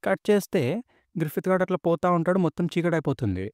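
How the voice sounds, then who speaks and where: A man's voice: sits high, expressive, fast, darkish tone, dry recording, clean studio sound. Man casually retelling a manga. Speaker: manga storyteller.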